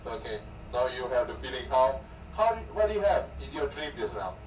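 A man's voice: medium pitch, big pitch swings, fairly quick. A man with a Malaysian accent coaching as a centrifuge training instructor, giving clipped commands in a reassuring way. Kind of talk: coaching over an intercom during training. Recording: noisy, echoey intercom, distant from mic.

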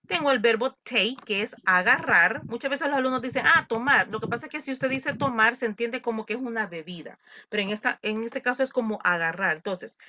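A woman teaching English in an online class, modeling phrases slowly with careful intonation. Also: on the high side, sharp tone, dry recording. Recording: dull lo-fi dry recording.

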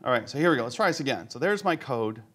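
A man giving a live conference talk, demoing software on stage, joking with the audience and talking himself through each step. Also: medium pitch, expressive, fast. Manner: joking, self-deprecating, thinks aloud while demoing. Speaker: conference speaker. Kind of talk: live tech talk demo.

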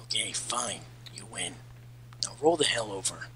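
A man's voice: lowish voice, expressive, measured pace, pitched below the performer's own voice. A man voicing a curt, haughty, brooding hedgehog prince in an amateur fan fiction reading. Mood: irritated.

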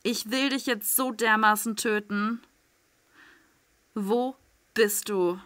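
An excitable woman narrating her own gameplay in a bright, fairly high voice. She chats at her viewers with little tag questions and swears freely. She jumps from loud outbursts to tense whispers. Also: slow. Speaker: let's play gamer. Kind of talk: live gameplay commentary.

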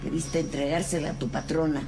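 A woman's voice: deep voice, steady tone, a little fast, creaky, music in the background. An actress playing a haughty, scornful lady of the house in a telenovela. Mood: cold, scornful. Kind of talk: telenovela acting.

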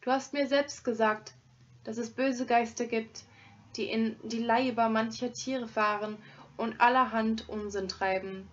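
A woman's voice: a little high, steady tone, a little slow, natural voice. A woman doing an easygoing robber. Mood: calm. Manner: soothing, easygoing. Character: calm good-natured male robber. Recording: dull lo-fi recording.

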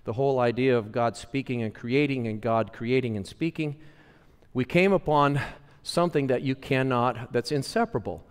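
Male pastor, teaching sermon, mid-pitched voice, repeats key phrases, long church reverb. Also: normal speed, clean tone. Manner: teaching, repeats phrases for emphasis, asks the congregation to respond; swings between hushed lines and louder emphatic ones. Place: church sanctuary.

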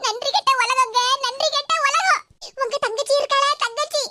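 A woman's voice: very high-pitched, normal speed, very noisy. A woman voicing a sly, scheming younger sister in a cartoon, coaxing and mock-tearful, with a Tirunelveli Tamil accent.

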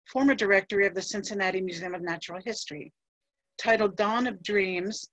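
A woman museum curator giving a scripted history presentation in a measured voice, with a few fillers as she reads from her notes. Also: mid-range voice, a bit bright, no room sound, poor audio.

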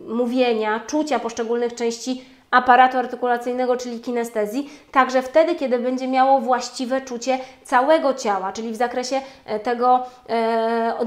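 A woman giving a webinar lecture on speech therapy, formal and measured, with frequent hesitation sounds. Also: fairly high pitch. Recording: roomy echo.

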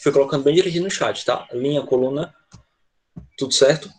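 A man's voice: medium pitch, a little fast, darkish tone. A man teaching an online English lesson to children, patient and constantly checking in with short questions. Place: online class over a video call.

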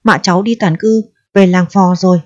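A woman voicing a frail, hoarse, kindly old village man who mumbles and fusses, on a slightly dull lo-fi recording. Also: lowish voice, steady tone, moderate pace, a little mellow, natural voice. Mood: scolding fondly.

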